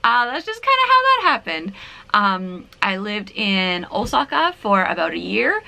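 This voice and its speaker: A woman's voice: mid-range voice, sing-song, unhurried, gravelly, pushed and bright. A woman in her thirties from Canada, chatting to the camera at home in a giggly, self-deprecating way. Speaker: vlogger. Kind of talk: casual chat to camera. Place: her apartment, indoors.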